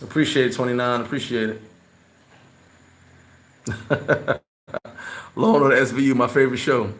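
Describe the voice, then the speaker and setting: A man chatting casually on a livestream, reading and answering his viewers. He talks in a loose, rambling way, often restarting and repeating words. His mid-pitched voice carries a noticeable roomy echo. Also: steady tone, normal speed. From New York. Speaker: livestream host answering chat.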